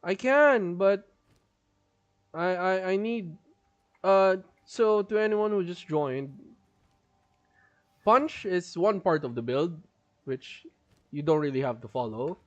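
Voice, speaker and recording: On a lo-fi recording, a high-pitched man streaming a game talks slowly with many pauses, chatting about his build and laughing often. His voice is strained and he is holding back a cough.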